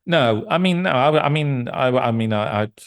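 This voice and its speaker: A man's voice: mid-range voice, lively intonation, moderate pace, smooth. A middle-aged man, a musician and producer, talking as a guest in a casual interview, rambling with many restarts and fillers. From England.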